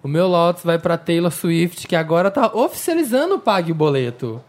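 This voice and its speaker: A woman's voice: fairly low pitch, animated, fairly quick, darkish tone. A woman co-hosting a casual podcast chat, talking freely and swearing now and then. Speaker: podcast co-host.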